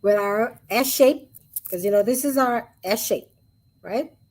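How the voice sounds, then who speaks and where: A woman with a slightly husky voice leads an online sign language lesson over a webcam. She talks slowly and patiently, saying each word again and again in a soft voice while she demonstrates. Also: fairly high pitch.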